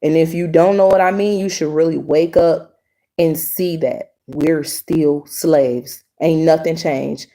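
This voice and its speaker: A woman's voice: deep voice, fairly even intonation, slow pace, dark tone. A young adult woman vlogger giving a casual opinion monologue to the camera, blunt and emphatic, repeating her points.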